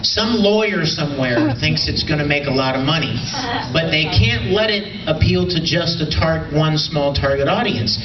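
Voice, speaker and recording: A man's voice: on the high side, lively intonation, normal speed, few pauses. A man talking casually on a panel as a voice actor, explaining things and rephrasing his points. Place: large convention room with audience. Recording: echoey hall, distant dull mic, crowd noise.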